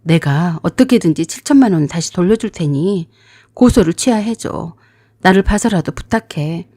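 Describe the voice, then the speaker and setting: A woman voicing a man, a fiancé who scolds and then pleads, in a gruff manner. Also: lowish voice, expressive, moderate pace, warm tone, no room sound, studio quality. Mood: pleading.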